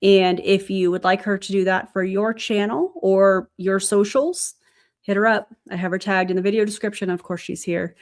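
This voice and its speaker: A woman's voice: mid-range voice, fairly even intonation, moderate pace. A woman hosting a casual livestream, chatting and thanking viewers from the chat. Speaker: livestream host.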